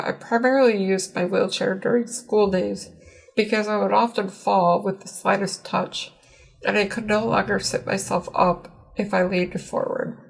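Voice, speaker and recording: A woman in her forties reads a personal account as a patient. Her voice is muffled by ventilation, as though something covers her mouth. It has a marked creak and sits at an ordinary middle pitch. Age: 40s. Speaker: patient giving testimony. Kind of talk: prepared personal testimony, read out.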